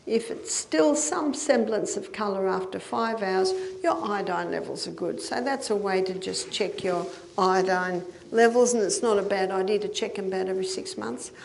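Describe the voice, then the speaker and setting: A woman's voice: mid-range voice, normal speed, creaky, few pauses. An older woman giving a health lecture to an audience, explaining step by step and checking in with listeners. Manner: explanatory, with occasional laughs and checking questions.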